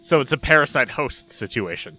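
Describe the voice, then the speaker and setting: Male co-host, animated pitch, wry, faint music behind. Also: brisk. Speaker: podcast co-host. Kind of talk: casual podcast chat.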